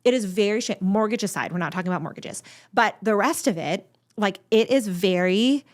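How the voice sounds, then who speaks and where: A woman's voice: mid-range voice, fairly quick. A woman giving conversational advice to viewers in an earnest, encouraging and emphatic way, like an online video presenter. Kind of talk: conversational advice talk to camera.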